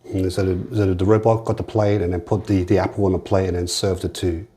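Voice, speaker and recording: Lowish-voiced male podcast host. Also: level tone, brisk, dark tone. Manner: repeats words and restarts often. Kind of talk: casual conversational interview.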